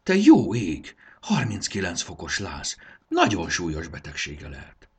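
A man's voice: lowish voice, wildly swooping pitch, a bit bright, slightly rough, exaggerated voice. A man voicing an earnest young boy who eagerly explains things. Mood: explaining.

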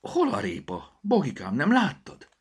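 A man's voice: on the high side, huge pitch swings, pushed and bright, slightly rough, voice pushed up, exaggerated voice. A man voicing a caring young mother in a storybook, lightly raising his voice for her. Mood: worried.

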